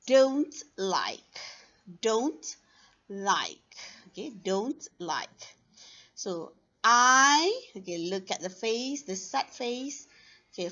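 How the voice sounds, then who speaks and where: A woman teaching an online class for young children, speaking slowly and clearly and saying "okay" often. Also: on the high side, pushed and bright. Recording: dull lo-fi sound.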